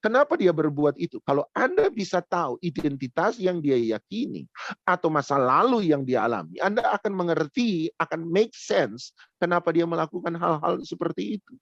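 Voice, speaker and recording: A man's voice: fairly high pitch, expressive, moderate pace, vocal fry, no echo, lo-fi sound. A man preaching a sermon, telling a personal story and repeating phrases for emphasis. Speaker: pastor.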